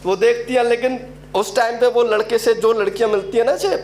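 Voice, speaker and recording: At an open mic, a young Uttar Pradesh comedian spins a story, voicing each person in it. His pitch is very high and his tone steady, with a slightly quick, somewhat mellow delivery. A faint hiss or hum sits under the audio.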